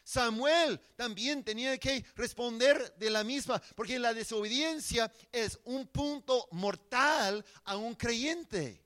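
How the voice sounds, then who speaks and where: Slow, earnest male preacher. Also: extremely high pitch, bright, forceful tone. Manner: earnest, emphatic, with repeated restarts. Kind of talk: sermon.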